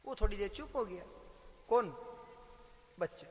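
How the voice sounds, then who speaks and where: A man's voice: high-pitched, unhurried, dark tone. A middle-aged man preaching a devotional sermon, repeating lines and asking the audience questions. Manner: repetitive, sing-song, questions to the audience. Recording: long hall reverb.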